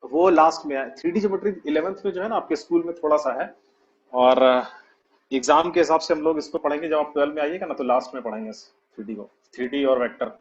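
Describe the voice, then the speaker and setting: A man's voice: a little high, quick pace. A male math teacher, explaining step by step and dictating notes in an online class, often checking understanding with "है ना?". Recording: dull lo-fi online class audio.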